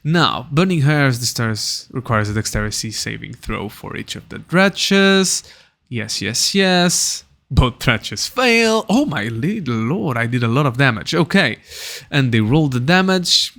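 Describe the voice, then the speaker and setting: A man's voice: mid-range voice, expressive, measured pace, a bit bright. A man playing a solo tabletop game, reading the dungeon narration aloud and musing about his moves between turns, humming to himself now and then. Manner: muses aloud, hums tunes between turns.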